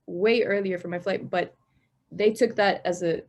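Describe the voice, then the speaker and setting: A young Palestinian woman studying law speaks as an interview guest, telling her story casually and animatedly while acting out both sides of the dialogue. Her voice is at an ordinary middle pitch for a woman, at a moderate pace.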